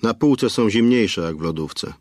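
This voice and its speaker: A man's voice: fairly low pitch, expressive, a little slow, no echo, clean studio sound. A man voicing a wry, stout fifty-year-old male gas station owner in an audiobook, talking in a grumbling way.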